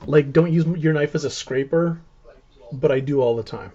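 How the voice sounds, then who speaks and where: A man's voice: on the high side, normal speed, warm tone. A man with a Canadian accent hosting a live cooking stream, explaining casually as he chops and preps. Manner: casual, chatty, explains as he works. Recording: dull lo-fi stream audio.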